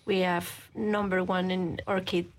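Woman, earnest, halting guest. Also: fairly low pitch, flat delivery, a little hiss or hum, low-quality recording. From Colombia. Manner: earnest, halting speech with frequent restarts. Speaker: guest, women's ministry leader. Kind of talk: conversational interview.

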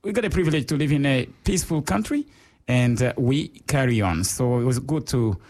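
A chatty man from Rwanda, co-hosting a radio show in a relaxed, casual way. His voice sits at an ordinary middle pitch, and he talks with lots of animated jumps and friendly fillers. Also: brisk. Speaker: radio co-host.

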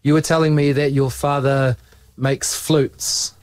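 New male teacher at a school, gently prompting students, dry close sound. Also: mid-range voice, level tone, unhurried, no echo. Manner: patient, encouraging questions. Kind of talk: interviewing students.

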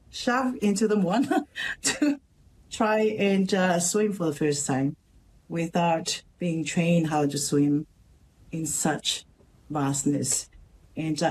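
A woman from Tonga with a Tongan accent, a teacher speaking as a guest in a radio interview, earnest and halting with many pauses and restarts. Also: fairly low pitch, darkish tone, slight background noise, poor audio. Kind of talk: radio interview, personal story.

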